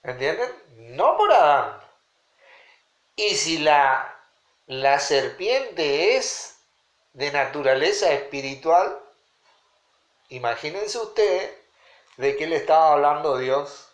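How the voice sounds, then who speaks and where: A man's voice: fairly high pitch, lively intonation, slow, long pauses. Man teaching a Bible study. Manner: checks in with the listeners often. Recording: roomy echo.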